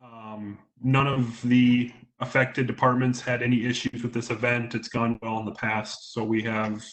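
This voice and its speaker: Male city engineer, remote call, glitchy breaking-up audio; flat, matter-of-fact, hesitant delivery. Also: medium pitch, normal speed, rough recording. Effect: choppy, breaking-up video call audio. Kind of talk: staff report at a council meeting. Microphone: remote video call.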